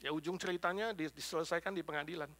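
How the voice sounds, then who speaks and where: A male pastor from Indonesia preaching a sermon, telling stories with acted-out voices and loud exclamations, then praying. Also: a little high, rapid-fire. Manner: animated storytelling, acting out voices, bursts of loud exclamations. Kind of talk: sermon with prayer. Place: church sanctuary.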